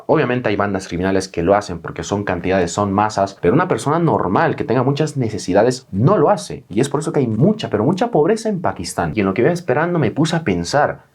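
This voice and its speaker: A young man tells his travel story with real drama, and his pitch swings widely from line to line. He sounds like a vlogger speaking straight to his viewers. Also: a little fast, slightly rough. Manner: animated, dramatic retelling. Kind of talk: storytelling vlog.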